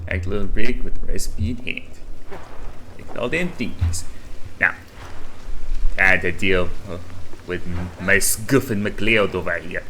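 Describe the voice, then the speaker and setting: A man's voice: low voice, measured pace, pauses often, noisy background. A man giving casual, rambling let's play commentary on a game. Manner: casual, rambling, lots of fillers. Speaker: gaming channel host.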